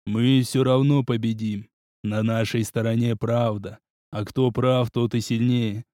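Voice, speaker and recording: A man voicing an unseen, deep-voiced male spirit who calmly advises the hero. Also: no room sound, studio quality, lightly acted. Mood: calm, instructive. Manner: slow, calm, instructive.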